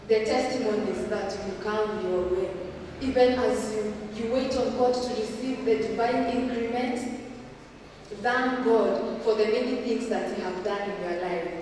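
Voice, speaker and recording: A young adult woman with a Kenyan English accent delivers a sermon in an indoor church hall, earnestly exhorting, slowing for emphasis and gesturing as she speaks. Her medium-pitched voice has a darkish tone, caught on a handheld mic and a distant camera, with long echoey reverb, faint ambience and slight background noise.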